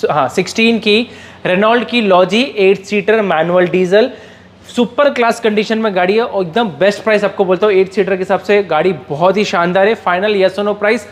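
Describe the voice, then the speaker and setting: An Indian man from the Mumbai car trade giving a slick used car salesman's pitch, reeling off models and prices with repeated catchphrases. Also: fairly even intonation, brisk, few pauses. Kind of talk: sales pitch to camera, listing cars and prices.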